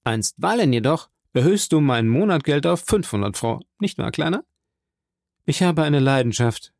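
A man's voice: on the high side, big pitch swings, moderate pace, darkish tone, dry recording, studio quality, voice pushed up. A man voicing a greedy, scheming male ex-convict who needles and wheedles, in a storybook reading.

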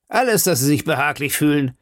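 A man's voice: on the high side, animated, brisk, dry recording, clean studio sound, pitched above the performer's own voice, natural voice. A man voicing a fawning, chatty male prison food server in a story reading. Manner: obsequious, chatty, gossipy.

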